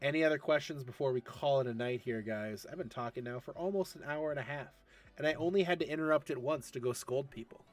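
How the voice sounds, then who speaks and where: Man, late thirties, stream host, relaxed chatty Q&A, medium pitch, faint music underneath. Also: quick pace. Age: 30s. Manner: chatty, answers chat questions, laughs often. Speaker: esports league host. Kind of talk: casual livestream Q&A.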